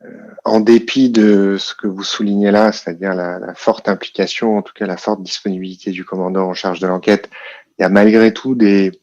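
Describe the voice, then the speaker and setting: A man hosting a podcast interview, speaking in a measured way with fillers as he sums up the case. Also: fairly low pitch, fairly even intonation, a little mellow, lo-fi sound. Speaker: podcast host. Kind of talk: interview questions.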